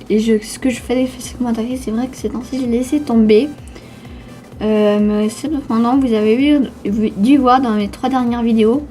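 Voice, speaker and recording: A teenage girl with a slushy lisp on her s sounds, talking casually and haltingly as she answers questions in a vlog. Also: fairly high pitch, warm tone. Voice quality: slushy lisp from new dental brace. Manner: hesitant, stumbling over words. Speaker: YouTube gamer answering viewer questions.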